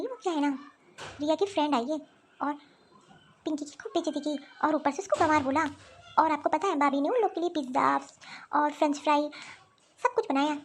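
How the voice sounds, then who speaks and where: A woman voicing a caring young mother who talks in a coaxing, reassuring way, for an animated story. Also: sits high, slight background noise, pitched below the performer's own voice. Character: caring young mother, soothing her daughter.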